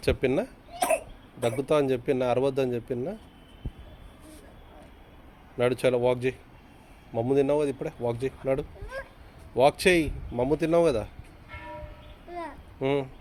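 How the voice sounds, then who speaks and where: Parent at home filming a toddler outdoors; coaxing, repetitive, plain mid-pitched voice, steady background noise. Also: moderate pace, pauses often. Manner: coaxing, repeats short questions and commands. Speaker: parent talking to a toddler son. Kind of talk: casual home video chat with a small child.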